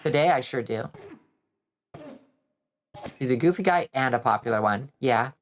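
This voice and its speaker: A woman's voice: rumbling low, expressive, normal speed, a little hiss or hum. A woman chatting casually with her chat as she plays a game, sounding nasal and stuffy from congestion, rambling and swearing now and then. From Georgia, US. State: stuffy nose. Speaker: vtuber streamer. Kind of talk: casual chat while gaming, reading chat.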